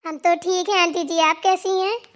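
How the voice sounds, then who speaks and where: A woman's voice: extremely high pitch, steady tone, moderate pace. A woman voicing a young daughter-in-law who talks politely and soothes her mother-in-law in a cartoon. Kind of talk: cartoon voice acting.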